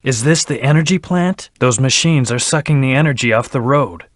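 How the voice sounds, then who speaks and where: A man's voice: medium pitch, moderate pace, no echo, clean studio sound, close to an everyday voice. A man voicing a brooding, arrogant hedgehog antihero in a video game, speaking in a terse, cool, commanding way. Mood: cool, focused. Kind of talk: scripted video game character lines.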